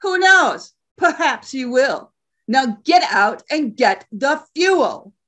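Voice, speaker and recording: Bullying convict boss guy, slow, barking orders, a bit high , woman acting it. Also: very animated, a bit bright, heavily acted. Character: brutal male convict tribe leader.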